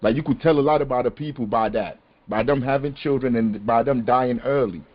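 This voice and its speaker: Over dull, lo-fi phone or conference-call audio, a podcast host with a medium-pitched voice talks briskly. His casual, conversational discussion on a call-in show is animated, climbing at times to exasperated emphasis.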